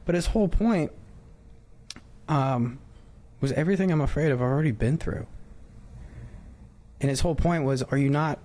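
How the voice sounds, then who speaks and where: A young man speaking as an interview guest, telling a story casually, acting out quoted dialogue and dropping quiet when he reflects. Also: on the high side, moderate pace, pauses often. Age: young adult. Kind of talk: conversational storytelling.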